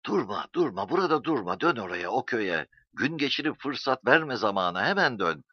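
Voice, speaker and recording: A man's voice: medium pitch, sing-song, normal speed, husky, no room sound. A man reading a story, voicing a fierce, determined young village woman who speaks with urgency. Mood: urgent. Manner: urgent, commanding. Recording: dull dry recording.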